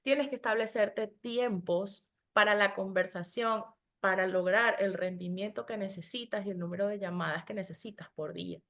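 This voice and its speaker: A woman guest on a business podcast, telling stories from her telemarketing work in a lively conversational way, acting out what callers said. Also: mid-range voice, normal speed, hardly any pauses. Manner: animated storyteller who acts out callers' voices.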